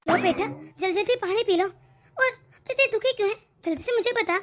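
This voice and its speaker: A woman's voice: extremely high pitch, fairly quick. A woman voicing a middle-aged mother-in-law in a cartoon who fusses over and soothes her daughter-in-law. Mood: fussing. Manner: fussing, coaxing. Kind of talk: cartoon voice acting.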